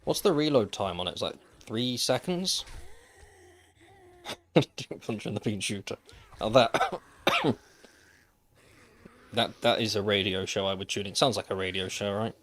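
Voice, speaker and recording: Low-voiced male gamer, dry and wry. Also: expressive, a little slow, pauses often, a bit bright. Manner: dry, wry asides to chat. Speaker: streamer. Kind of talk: casual gameplay commentary. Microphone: desk microphone.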